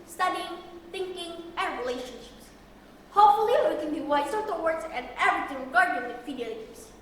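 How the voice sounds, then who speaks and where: High-voiced Indonesian schoolgirl, stiff memorized speech. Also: fairly bright tone. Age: young teenager. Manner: stiff, rehearsed, declamatory delivery with emphatic pauses. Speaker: student speech contestant. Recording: echoey hall, distant mic, faint noise.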